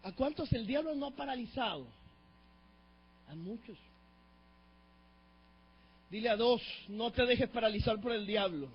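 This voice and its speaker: A Venezuelan man preaching a sermon as pastor, swinging from hushed asides to shouted emphasis and urging the congregation to repeat after him. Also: very high voice, unhurried, long pauses, husky. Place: church sanctuary. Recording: dull lo-fi church recording with faint mains hum.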